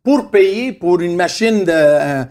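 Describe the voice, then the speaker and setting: A man's voice: high-pitched, animated, slow pace, darkish tone. A man, telling stories emphatically in a casual chat and asking rhetorical questions. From Montreal, Quebec. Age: 50s.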